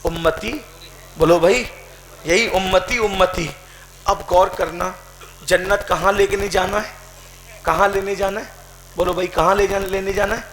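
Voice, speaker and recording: A man preaching an impassioned sermon, swinging from shouted climaxes to quiet questioning. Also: high-pitched, steady tone, long pauses, a little hiss or hum. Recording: echoey hall with crowd.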